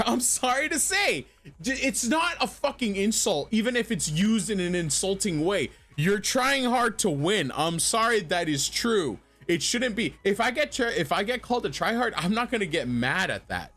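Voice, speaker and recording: A man's voice: sits high, a bit bright. A man doing casual livestream commentary in a blunt, profane, rambling way that stammers and repeats. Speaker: streamer reacting to a video.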